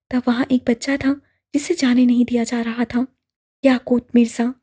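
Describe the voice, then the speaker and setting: A woman narrating a novel audiobook in a slow, measured, somber way. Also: high-pitched, mellow, breathy edge. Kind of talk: novel reading.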